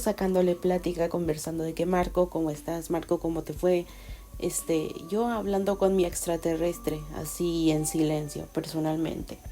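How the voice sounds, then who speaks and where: A woman's voice: medium pitch, mellow. A woman telling a personal story in a casual, confiding way, rambling with many fillers and restarts. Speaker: vlogger.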